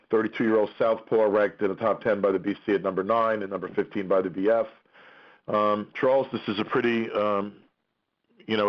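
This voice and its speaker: Male call host, low and flat delivery, halting and measured, heard through a dull phone conference line. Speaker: boxing promoter hosting a press conference call. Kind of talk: introducing speakers on a media call. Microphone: telephone conference call.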